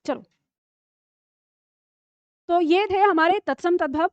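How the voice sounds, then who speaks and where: High-voiced woman teaching a lesson. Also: slow pace, no room sound, highs cut off. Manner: explains patiently, checks in with frequent rhetorical questions. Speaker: Hindi teacher. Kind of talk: online classroom lesson.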